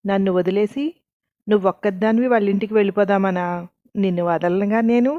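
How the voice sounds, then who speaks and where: A woman's voice: medium pitch, fairly quick, dry recording, muffled recording, lightly acted. A woman voicing a cheeky teenage younger sister in a storybook reading, with a teasing, chatty manner.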